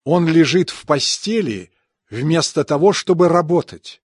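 A man's voice: a little high, measured pace, husky, dry recording, clean studio sound. A man reading translated example sentences evenly and carefully for a language course. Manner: even, careful enunciation. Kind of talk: scripted phrase reading.

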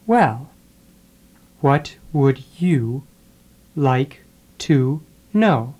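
Slightly rough and darkish in tone yet expressive, this English teacher's mid-pitched voice works through phrases at a very slow, deliberate pace. Every word is repeated and followed by a pause so students can follow along.

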